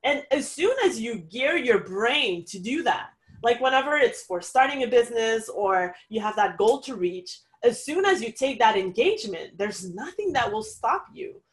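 A woman whose first language is French chats as a guest, sharing personal anecdotes and advice in conversation. She's an interview guest and a podcast host, and her fairly high voice is expressive at a moderate pace.

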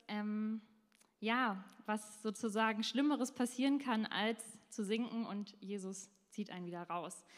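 A young adult woman giving a casual devotional talk, chatty, with many fillers and slang. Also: mid-range voice. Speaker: speaker of a short devotional talk. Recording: long reverb in a hall.

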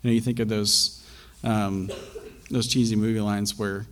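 A young man preaching a sermon, talking in a halting way with frequent fillers and restarts. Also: lowish voice, level tone, a bit bright.

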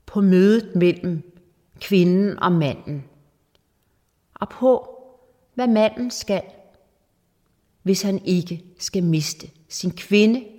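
A woman retelling an old ballad in an informal, lively way, with dramatic asides and humor. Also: on the low side. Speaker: speaker explaining a folk ballad. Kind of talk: informal storytelling lecture. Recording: long hall reverb.

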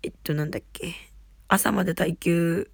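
A woman with a raspy, husky voice, an idol hosting her own radio show, rambling along in casual, self-deprecating solo chat. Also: fairly low pitch, fairly even intonation, moderate pace, dry recording.

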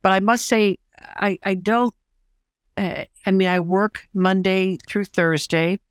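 A woman in her sixties, a social worker and counselor, talking as an interview guest in an enthusiastic, expressive way. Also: mid-range voice, takes it slowly, no echo, clean studio sound. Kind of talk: casual conversation.

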